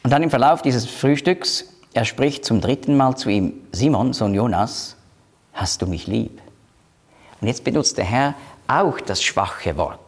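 Slow, animated male Bible teacher. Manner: slow, explanatory, quotes scripture in a lowered voice; switches between teaching and group discussion.

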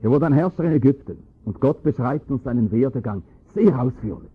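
A man preaching a sermon, explaining scripture with emphatic, rising stress on key points and a husky voice. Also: mid-range voice, animated, a little fast. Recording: tinny phone-like lo-fi recording.

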